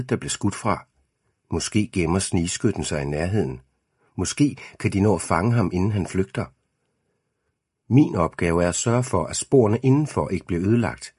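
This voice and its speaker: Deep husky male audiobook reader. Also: darkish tone, no echo, clean studio sound. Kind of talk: scripted first-person audiobook narration.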